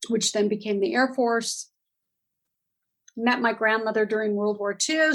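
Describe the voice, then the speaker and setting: A woman from Southern California, a podcast guest telling her family story in a rambling, animated way. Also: on the high side, rough recording. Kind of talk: podcast interview.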